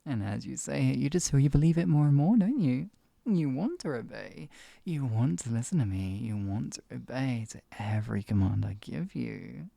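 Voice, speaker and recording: A performer acting out a possessive hypnotist villain in an ASMR ASMR role-play. The voice is very dark and soft, with a breathy, husky edge. It coaxes and teases, murmuring and slipping into close speaks softly as if soothing a captive pet. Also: medium pitch, lively intonation, normal speed, no room sound. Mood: teasing, commanding.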